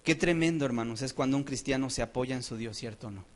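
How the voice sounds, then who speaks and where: A man preaching a sermon in a church with an impassioned delivery, rising to loud exclamations and dropping to quiet asides, often asking his listeners to agree. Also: mid-range voice, fast. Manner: addresses the congregation as "hermanos", asking "¿cierto o no?".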